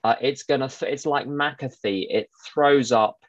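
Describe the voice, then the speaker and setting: A man's voice: medium pitch, unhurried, no echo. Guy explaining recovery steps, chatty and wry, muffled dry sound. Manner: chatty, digressive, with wry asides and quoted voices. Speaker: recovery sponsor giving a talk. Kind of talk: informal teaching talk. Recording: dull dry recording.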